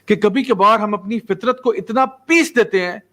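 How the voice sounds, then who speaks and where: A man's voice: high-pitched, fairly bright tone. A man teaching Quran commentary, building his points with everyday examples and rhetorical questions, and mixing English terms into his talk. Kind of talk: religious lecture explaining Quran verses.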